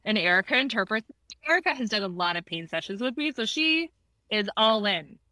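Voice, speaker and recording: A woman therapist telling a story in a casual conversation, animated, laughing often and acting out quotes. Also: mid-range voice, a little fast, no echo.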